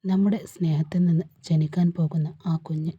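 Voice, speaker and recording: A woman's voice: low-pitched, steady tone, fairly quick, breathy edge, dry recording, highs cut off. A woman reading a storybook part of a hurt young husband who pleads with his wife. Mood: wounded.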